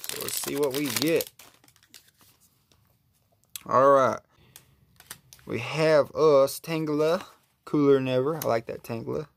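A man with a drawl talks slowly in a gravelly, creaky voice. He chats in an easygoing, relaxed way, admiring each card he pulls from a pack. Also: mid-range voice, no echo. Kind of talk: casual unboxing commentary.

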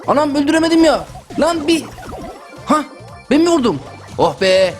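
Loud excitable young man, gameplay commentary. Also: extremely high pitch, normal speed, faint music behind. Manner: loud, exclamatory, joking. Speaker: gaming YouTuber.

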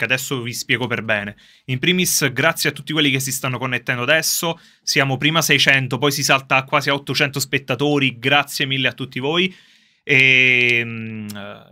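A man chatting casually to his viewers on a livestream from a soundproofed underground gaming room, excitable and quick to laugh. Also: mid-range voice. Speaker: streamer reacting live to a game reveal. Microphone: streaming setup with facecam.

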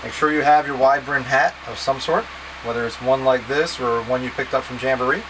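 Speaking fairly quickly in a mid-range voice, a scout trip leader walks the camera through packing, step by step, in a plain-spoken and casually directive way. The setting is a small wood-panelled boat cabin indoors, and a steady hum and noise runs under his voice.

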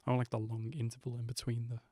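With game trailer music in the background, a twenty-something man delivers casual reaction commentary close to his desk microphone. His mid-range, mellow voice is monotone and rapid-fire, with no echo.

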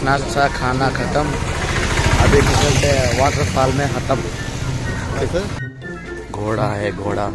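A chatty young travel vlogger with a mid-range voice laughs and talks to his viewers like friends in a casual vlog. He holds a phone at arm's length, selfie-style, on busy town streets and at a tourist site. Loud background music plays over his talk.

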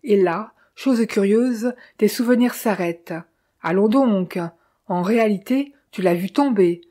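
A stern man laying out his case point by point in an audiobook, read by a woman. He keeps questioning and insisting. His tone is mellow and dark. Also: medium pitch, unhurried, natural voice. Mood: insistent. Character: stern man pressing his brother to confess.

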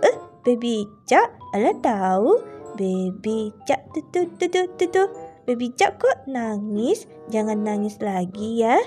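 A woman's voice: on the high side, big pitch swings, slow pace, dark tone, faint music behind, voice pushed down. A woman voicing a sweet, curious toddler in a game drama, with lisping baby talk.

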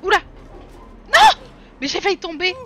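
A young woman chatting through a co-op video game session, excitable and self-mocking, often laughing and shouting at the game. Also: sits high, slow. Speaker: streamer playing a co-op video game. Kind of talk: casual let's-play chatter.

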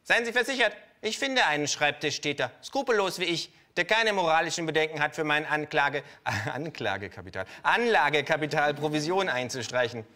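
A man voicing a brash, cynical male kangaroo who talks to a bank advisor in a shrill, gleeful, pushy way. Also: expressive, a little fast, few pauses, sharp tone.

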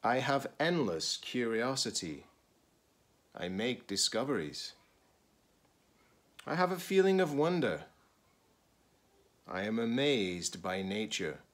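A middle-aged teacher-librarian reads a children's picture book aloud deliberately, in short phrases broken by pauses. His voice is medium-pitched with big pitch swings.

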